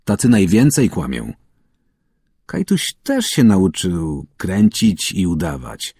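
A man reading a children's story aloud with expressive narration, acting out the characters' calls and shouts. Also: deep voice, slow pace, creaky, husky, no echo, clean studio sound. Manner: acts out calls and shouts, varies voice widely. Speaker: audiobook narrator.

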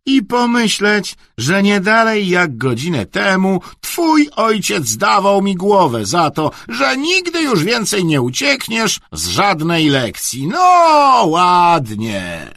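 A man voicing a stern middle-aged school headmaster in an audiobook story, booming and lecturing. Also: wildly swooping pitch, takes it slowly, bright, forceful tone, husky, dry recording, studio quality, full character voice.

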